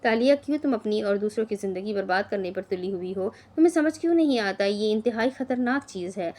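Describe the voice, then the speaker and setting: A woman's voice: mid-range voice, fairly quick, a little mellow, natural voice. A woman voicing a blunt, protective young woman who scolds her friend urgently in a storybook reading. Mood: scolding.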